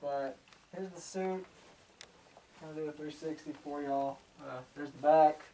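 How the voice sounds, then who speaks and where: A man's voice: a little high, fairly even intonation, a little slow, dark tone. Man muffled inside a helmet. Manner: plain, offhand talk with fillers. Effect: voice muffled inside a closed helmet. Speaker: cosplayer showing his costume. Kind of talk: casual show-and-tell. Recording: distant mic with faint noise.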